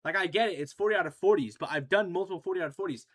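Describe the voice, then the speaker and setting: Male game streamer, fairly high-pitched, cursing and venting between casual play talk. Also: racing. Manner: profane, frustrated ranting. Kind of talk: live game stream commentary.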